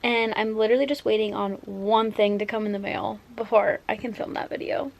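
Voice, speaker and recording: A woman's voice: mid-range voice, fairly even intonation, brisk, vocal fry, darkish tone. A nineteen-year-old woman vlogging casually at home about her reading, chatty and full of "like" and "literally". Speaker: book vlogger. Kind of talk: casual vlog chat. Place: at home, indoors.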